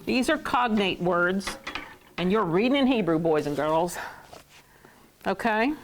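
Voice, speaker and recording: A woman leads a classroom lesson in a playful way. Her voice sits at a middle pitch, and she laughs often and jokes with her students. She repeats words to drill them. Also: lively intonation, unhurried, slight background noise. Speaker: Hebrew teacher.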